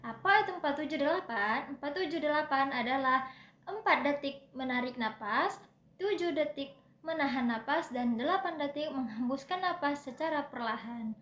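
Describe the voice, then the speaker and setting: Young female student presenter, high voice, explains and demonstrates aloud, roomy echo. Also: lively intonation, moderate pace, a bit bright, lo-fi sound, a little hiss or hum. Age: young adult. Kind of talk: classroom presentation on public speaking.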